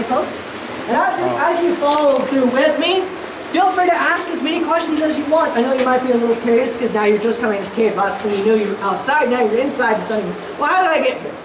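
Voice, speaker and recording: A woman with a fairly high voice leads a cave tour, chatting and joking with the group. Her words echo off the cave walls. She is a little way from the microphone, with clear ambient noise around her. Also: far from the mic. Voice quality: voice echoing in a cave. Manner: joking, informal, addresses the group. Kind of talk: live guided tour talk to a group. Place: inside a cave. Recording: echoey cave, off-mic, clearly noisy.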